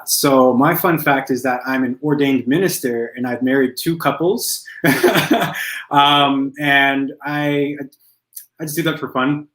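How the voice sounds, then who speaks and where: A man speaking as a career coach guest in a casual interview, relaxed and conversational, often tagging his points with a question. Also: fairly high pitch, reverberant, rough recording. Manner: relaxed, conversational, frequent "right?" tags.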